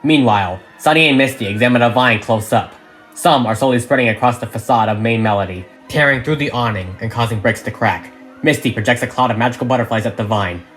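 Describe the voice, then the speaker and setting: A narrator with a fast, mid-range, somewhat bright voice reads every part of a fan audio drama, including the stage directions. The delivery is dramatic storytelling, set against background music.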